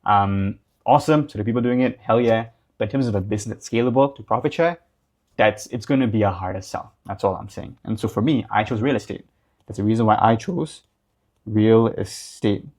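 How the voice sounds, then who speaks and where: A man's voice: lowish voice, a little fast, a little mellow. A young man from Singapore giving casual, loose business advice, full of fillers like "like" and "um". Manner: loose and conversational, many fillers like "like" and "um". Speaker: business coach. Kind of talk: casual talking-head advice.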